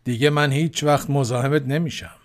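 A man's voice: medium pitch, fairly even intonation, natural voice. A man voicing a foolish, greedy male crocodile in a children's story, blunt and dim-witted.

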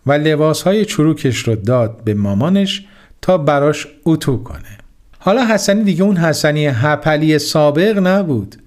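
A man narrates a children's story in a gentle manner, speaking directly to young listeners. His voice sits a little high for a man.

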